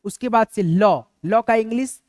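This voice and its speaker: A man's voice: high voice, a little slow, darkish tone, no echo, clean studio sound. A man teaching a lesson, patiently spelling out words letter by letter and often checking in with his students.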